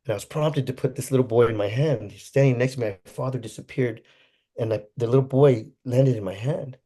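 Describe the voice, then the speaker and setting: A man telling an emotional personal story to an audience, swinging from hushed to excited. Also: mid-range voice, fairly quick, breathy edge. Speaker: motivational speaker.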